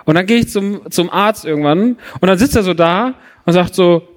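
A man with a high voice tells a funny personal story in a loose, rambling way. He keeps restarting sentences and slips into acting out the other people in the story, as he would in a relaxed podcast chat between friends. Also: moderate pace, in a large hall. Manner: rambling, lots of restarts and acted-out dialogue. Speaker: podcast co-host. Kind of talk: casual comedic storytelling.

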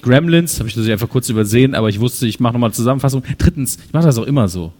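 A man co-hosts a live podcast, rattling through topics fast. His pitch jumps around a lot, and his voice echoes around a large hall. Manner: animated, listing topics. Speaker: podcast co-host.

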